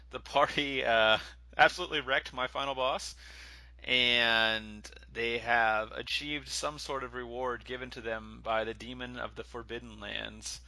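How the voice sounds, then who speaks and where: A man's voice: mid-range voice, bright, forceful tone, no room sound, rough recording. A man hosting a tabletop role-playing podcast as game master, improvising narration and bantering.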